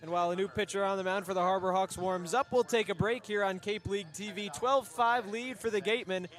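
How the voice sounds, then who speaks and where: A man calling baseball play-by-play, brisk and chatty, bantering with his booth partner. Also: sits high, steady tone, a bit bright. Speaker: play-by-play announcer.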